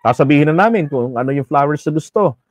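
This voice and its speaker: A man's voice: a little high, lively intonation, fast talker, dry recording. A man with a Filipino accent, chatting and joking as an online commentator, switching between Tagalog and English. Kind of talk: casual commentary monologue.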